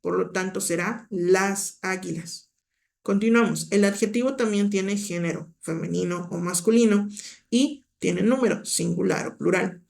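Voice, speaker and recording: A woman's voice: medium pitch, normal speed, gravelly, darkish tone. A woman teaching an exam-prep grammar lesson, patiently explaining and talking directly to the student with checking questions.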